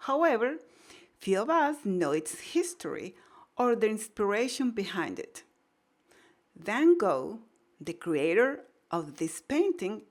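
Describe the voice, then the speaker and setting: Woman teacher, mid-pitched voice, encouraging, direct advice, explanatory lesson. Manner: slow deliberate reading demonstrations. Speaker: English teacher.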